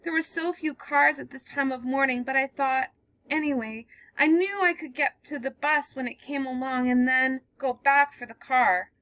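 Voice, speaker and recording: A woman performs a frightened young woman in a read-aloud play, someone who has escaped through a storm; her pitch is very high and her volume forced loud. The breathless, sobbing pleas keep a fairly even intonation at a moderate pace, fear never letting up, and the recording is dry.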